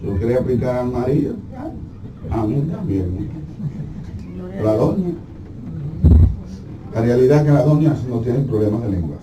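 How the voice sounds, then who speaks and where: A man's voice: medium pitch, animated, normal speed, long pauses, far from the mic. A man preaching a sermon as pastor, telling stories with humor and acting out voices. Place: church sanctuary. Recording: echoey hall from afar, faint noise.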